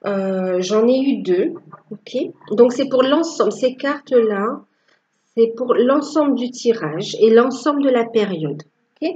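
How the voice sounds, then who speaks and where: A woman giving a tarot reading to her viewers, with a halting delivery that repeats phrases. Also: on the high side, expressive, mellow, lo-fi sound. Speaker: tarot reader.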